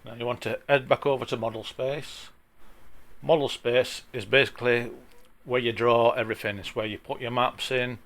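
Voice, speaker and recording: Yorkshire bloke, really broad accent, gravelly creaky voice, chatting thru a software tutorial step by step. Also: male voice, medium pitch, steady tone, moderate pace. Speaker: tutorial presenter. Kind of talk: informal software screencast tutorial.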